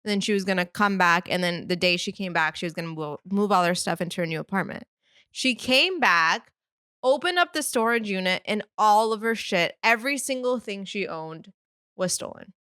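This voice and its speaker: Bright, crisp young woman podcaster. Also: medium pitch, animated, normal speed, no echo, clean studio sound. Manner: chatty, giggly, full of "like", swears freely. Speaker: podcast co-host. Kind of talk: casual chat.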